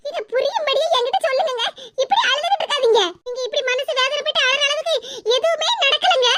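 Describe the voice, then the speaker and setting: A woman's voice: very high-pitched, quick pace, a bit bright. A woman voicing a worried village wife in a cartoon, with a Kanyakumari Tamil accent, pleading and questioning insistently. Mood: worried, coaxing. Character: worried village wife, coaxing her husband. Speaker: voice actor. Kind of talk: cartoon voice acting. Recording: noisy background hiss.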